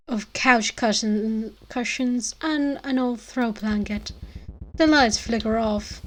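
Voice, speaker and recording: Higher-pitched woman narrating a dramatic story. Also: rough recording.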